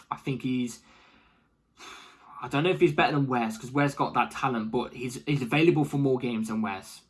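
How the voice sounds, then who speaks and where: A man giving casual, animated opinion commentary as the host of a football fan channel, rambling and repeating himself for emphasis. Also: medium pitch.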